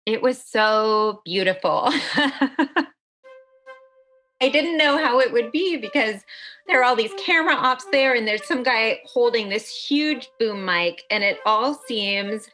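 A woman journalist being interviewed, telling a story in an animated, vivid way. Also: on the high side, unhurried, soft background music. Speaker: journalist guest. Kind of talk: interview recounting.

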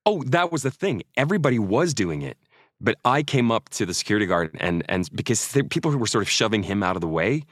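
A man's voice: lowish voice, big pitch swings, fast talker, breathy edge, dry recording, studio quality. A man in his forties from Norway, an actor guest chatting casually and telling self-mocking stories in an interview. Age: 40s.

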